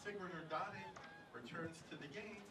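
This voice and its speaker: Brief: male PA announcer, heard over an echoing stadium loudspeaker from far off outdoors, loud noise around. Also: fairly high pitch. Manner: measured, formal announcing. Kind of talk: reading substitutions and announcements.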